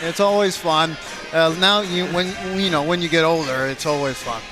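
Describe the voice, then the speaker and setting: An American man co-commentating on a local sports broadcast in relaxed, bantering conversation. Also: on the high side, normal speed, music in the background, rough recording. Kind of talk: casual banter. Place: courtside in a school gymnasium.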